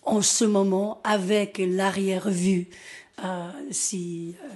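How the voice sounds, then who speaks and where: A woman's voice: mid-range voice, little pitch movement, a little mellow. A woman from Scotland with a Scottish accent in her French, a native English speaker giving an informal presentation and often searching for words. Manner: halting, searching for words in a second language. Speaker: invited guest speaker.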